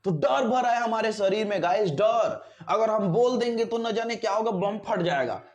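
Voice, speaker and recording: A man's voice: high-pitched, animated, normal speed. A man teaching spoken English in a chatty lesson, who keeps asking his listeners whether they follow. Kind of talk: informal video lesson. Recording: echoey room with music behind.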